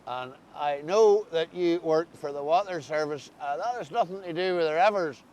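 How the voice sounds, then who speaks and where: A man's voice: moderate pace, a little mellow. A man with an Ulster accent interviewing someone conversationally as host, recorded outdoors. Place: outdoors beside a river. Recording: faint outdoor rumble and noise.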